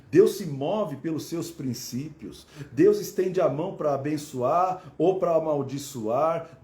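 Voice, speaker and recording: A man's voice: a little high, warm tone. Brazilian-Portuguese-speaking male preacher, echoey room. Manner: rhetorical questions to listeners; repeats phrases for emphasis. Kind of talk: sermon.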